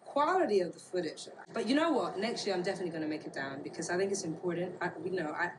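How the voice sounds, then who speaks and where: A woman from Bermuda, talking casually and reflectively in an interview, pausing to search for words. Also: fairly low pitch, expressive. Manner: thoughtful, halting, searching for words. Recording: clear background ambient noise.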